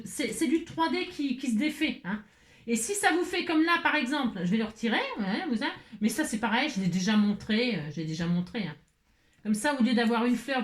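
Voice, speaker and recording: A woman's voice: fairly high pitch, echoey room. A woman hosting a crafting tutorial, chatting and thinking aloud as she works, often saying "hein" and "voilà". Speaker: craft video host.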